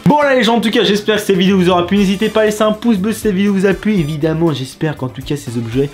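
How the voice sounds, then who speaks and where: Fast, excitable French-accented man. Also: medium pitch. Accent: France French. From France. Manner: excitable, crude and joking. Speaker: YouTube host. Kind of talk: casual reaction commentary.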